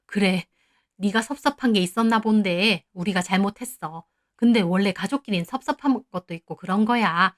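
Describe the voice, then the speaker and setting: A woman voicing a bossy, sharp-tongued older mother-in-law in a spoken story. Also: moderate pace, lightly acted. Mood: placating. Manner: shrill and bossy.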